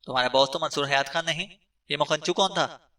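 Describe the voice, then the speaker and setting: A man's voice: fairly high pitch, fairly quick, sharp tone, far from the mic. A man doing a cocky, smug young captive. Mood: taunting. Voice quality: teasing, smug.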